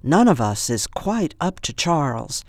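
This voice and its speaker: A reader voicing a calm, kindly grown woman, a mother, speaking gently in a storybook. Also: medium pitch, measured pace, no echo, clean studio sound.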